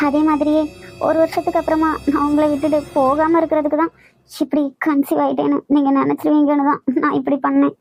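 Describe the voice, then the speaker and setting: A woman's voice: high-pitched, darkish tone, rough recording. A woman voicing an anxious young wife who pleads tearfully with her husband in a cartoon love story.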